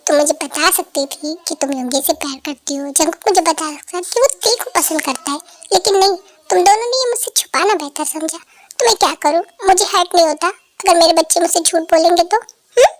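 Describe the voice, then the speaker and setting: A woman's voice: extremely high pitch, brisk, dry recording. A woman voicing a strict father who sets hard conditions for his teenage children in a fan dub. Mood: stern. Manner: stern, reproachful. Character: strict father of two teens, hurt and demanding.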